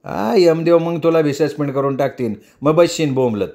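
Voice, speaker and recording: A man's voice: fairly high pitch, moderate pace, mellow, close to an everyday voice. An anxious, pleading driver, played by a male storyteller, argues and begs in an everyday male voice. He sounds worried and keeps searching for a way out.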